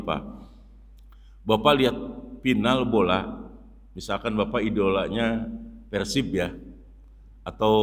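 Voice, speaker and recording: Man preaching with animated, joking delivery. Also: fairly low pitch. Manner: lively, jokey, addresses listeners as "Pak", acts out shouts. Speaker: Islamic preacher. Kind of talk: mosque sermon. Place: mosque hall. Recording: long reverb of a hall.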